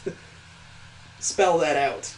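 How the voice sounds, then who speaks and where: A let's player reads a visual novel aloud, interrupting with sarcastic, incredulous asides. His voice is a little high and he takes it slowly, and the audio is poor.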